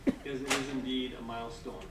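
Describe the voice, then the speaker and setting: A brisk, flat-sounding older man with a mid-range voice, French-speaking by origin and from Canada, gives an uplifting ceremonial address to new citizens. "Okay?" he asks often, checking his listeners. The hall echoes, the mic is far away, and noise sits behind him.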